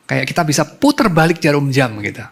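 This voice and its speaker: A man's voice: on the high side, sing-song, a little fast, creaky, breathy edge. A man preaching a sermon as a pastor, in a conversational storytelling way, mixing in English terms.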